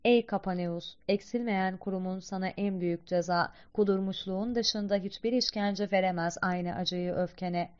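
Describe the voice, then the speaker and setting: A wise old guide poet, read by a woman narrator, explains the underworld in a grave, teaching tone. His lines come out in her smooth, resonant mid-range voice. The recording is slightly dull and lo-fi. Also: mid-range voice, steady tone, moderate pace, few pauses, natural voice. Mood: stern.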